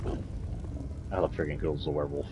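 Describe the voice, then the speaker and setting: A man's voice: extremely low pitch, steady tone, normal speed, heavy background noise. A man giving casual gameplay commentary, thinking aloud as he weighs his choices. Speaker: video game streamer.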